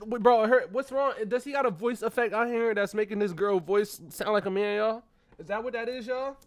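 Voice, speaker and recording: A man hosting a reaction video, talking casually and excitedly to viewers, often calling out to them as y'all. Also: high voice, fairly quick. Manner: animated, exclaiming, addresses viewers as y'all.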